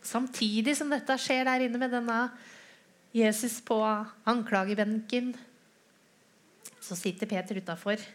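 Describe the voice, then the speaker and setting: A woman's voice: a little high, fairly even intonation, pauses often. A woman preacher retelling a scripture story in a sermon, with asides to the listeners and quoted lines acted out in a raised voice.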